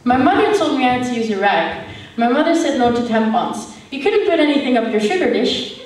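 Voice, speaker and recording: Young woman on stage lively, high, far off. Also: fairly quick, lightly acted. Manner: lively storytelling, switching into quoted voices. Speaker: stage performer. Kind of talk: stage monologue performance. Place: stage in a hall. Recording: echoey hall from far off, faint noise.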